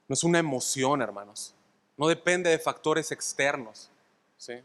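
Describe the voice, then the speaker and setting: Mexican pastor preaching in an echoing hall. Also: male voice, medium pitch, a bit bright. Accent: Mexican Spanish. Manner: asks the congregation "¿sí?" often, emphatic and repetitive. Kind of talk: expository sermon. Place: church sanctuary. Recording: long hall reverb.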